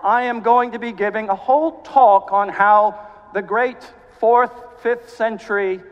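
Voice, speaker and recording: A jet-lagged cathedral canon from South Carolina, USA, delivers a guest sermon in a high voice, his mid-Atlantic accent blending American Southern and British. He's genial and measured with dry humor. The church recording sounds dull, with long reverb.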